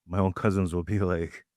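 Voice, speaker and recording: Here a Tanzanian-born artist with a deep voice and Swahili as his first language is interviewed casually as a guest at an art gallery, sharing stories. His delivery is unhurried, reflective and relaxed, full of fillers, and the recording is dry with clean studio sound.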